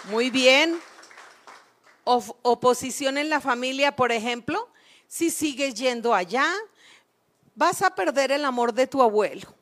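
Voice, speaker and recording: A woman's voice: sits high, animated, a little slow, long pauses, fairly bright tone. A woman preacher. She is emphatic and calls out questions to her congregation. Now and then she acts out the voices of everyday people. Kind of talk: sermon.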